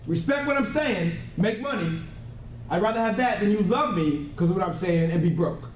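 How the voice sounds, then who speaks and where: A man's voice: high-pitched, lively intonation, normal speed. A man giving a motivational sales training talk, blunt and emphatic, repeating key words and often checking that the group follows. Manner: emphatic repetition for effect; frequently checks in with listeners. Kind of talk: motivational training seminar speech. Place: indoor training room with a live group. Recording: echoey room, distant mic, faint noise.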